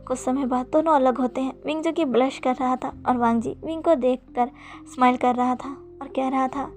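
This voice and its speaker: A woman narrating fan fiction in a steady, plain storytelling manner. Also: sits high, moderate pace. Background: faint background music.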